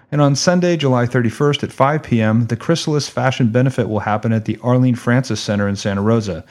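A man hosting a radio news show, reading headlines and event listings in a measured announcer's delivery, then interviewing a guest. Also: medium pitch, darkish tone.

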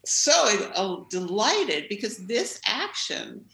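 A woman being interviewed, telling stories in an animated, expressive way. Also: mid-range voice, takes it slowly. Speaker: interviewee, former activist. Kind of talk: storytelling in an interview. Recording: roomy echo.

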